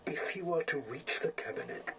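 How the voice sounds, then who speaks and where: An actor playing a sinister, pompous gentleman collector in a video game, speaking theatrically and deliberately, as if from an old phonograph recording. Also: on the high side, recorded from a distance, background noise. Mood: grave, conspiratorial. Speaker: game character.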